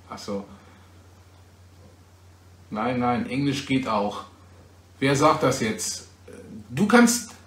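A man from Germany chats with his viewers on a livestream recorded on a phone. His voice sits a little high, and he talks in a teasing, chatty way, often checking back with a quick "ja?". The room around him sounds echoey. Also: fairly bright tone. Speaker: livestream host. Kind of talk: casual livestream chat answering viewers. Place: home in Poland.

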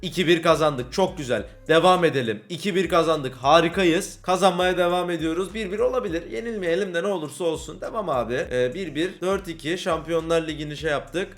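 A man's voice: fairly high pitch, a little fast, few pauses. A young man casually commenting on a football career-mode game, talking to viewers and swinging between cheer and grumbling. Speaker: gaming YouTuber.

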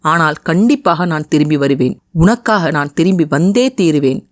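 Woman voicing a steady, reassuring young hero. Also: low voice, normal speed, dry recording, studio quality, close to an everyday voice. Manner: earnest, reassuring. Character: young man, steady hero, gentle but firm.

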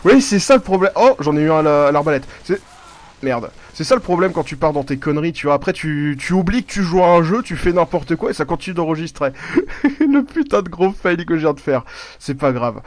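A man's voice: a little high, lively intonation, fairly quick. A man giving casual live commentary over his gameplay, rambling, swearing a lot and breaking off to react to the game. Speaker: gaming YouTuber.

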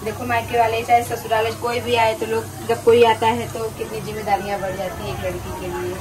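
A woman's voice: a little high, fairly quick, low-quality recording. A young woman chatting while cooking in a home kitchen vlog. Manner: talkative, lively, cooking while she talks. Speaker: vlogger. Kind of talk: casual kitchen chat.

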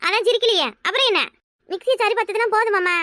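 A sharp-tongued cartoon village wife, voiced by a woman with a Tirunelveli Tamil accent. Her voice is very high and piercing, and her retorts are sarcastic. The recording is dry. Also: fast, dry recording.

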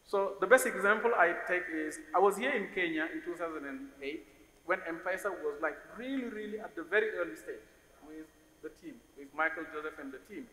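A Senegalese investor in his forties speaks on a panel from a large conference hall stage, his voice fairly high, animated, quick, bright and forceful. He sounds thoughtful, often repeating words while he hunts for the next phrase. A stand-mounted stage mic captures roomy hall reverb and faint hiss.

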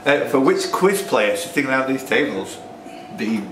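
A very animated pub quizmaster in his 60s speaks at medium pitch and normal speed, reading questions and trading banter with players. Background noise, music, echo and a distant mic mark the indoor pub recording.

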